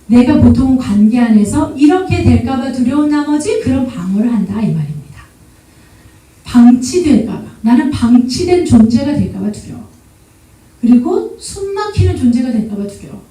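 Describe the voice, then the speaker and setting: A woman missionary giving a church seminar talk, telling stories with lively animation and acting out what people said. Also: sits high, normal speed. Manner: lively storytelling, often laughing and acting out quotes. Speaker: missionary guest lecturer. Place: church hall. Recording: very echoey hall, voice from far off.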